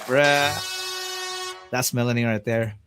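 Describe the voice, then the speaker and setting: A man's voice: mid-range voice, fairly even intonation, takes it slowly, a bit bright, clean tone, faint music behind, a faint crowd. A man hosting a livestream, laid-back and casual, calling his guest bro and dude. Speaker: livestream host.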